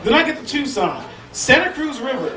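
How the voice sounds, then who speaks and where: A man with a southern US accent does a brash, profane stand-up set on a comedy club stage, teasing the live crowd. His voice is very high, very animated and brisk. The recording is very noisy, roomy live club audio captured from a distance with the crowd audible.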